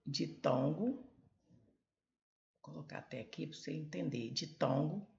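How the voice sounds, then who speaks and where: On a muffled recording, a woman with a low, creaky, darkish voice unhurriedly works through a Portuguese grammar lesson at a board. She goes step by step, pointing things out and often saying "olha" and "ó".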